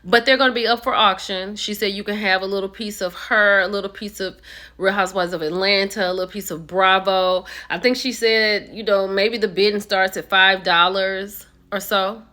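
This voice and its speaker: Chatty bright-voiced woman. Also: moderate pace. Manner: chatty and animated, with sudden high excited jumps. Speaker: reality TV commentary host. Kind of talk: casual chat.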